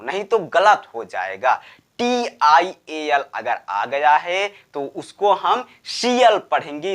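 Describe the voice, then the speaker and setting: A fairly high-voiced man teaches pronunciation rules at an unhurried, deliberate pace. He spells words out letter by letter, repeats each point several times, and checks understanding with short questions. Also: fairly bright tone. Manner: slow, repetitive, drills spellings letter by letter; asks the class rhetorical check questions. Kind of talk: classroom-style lesson.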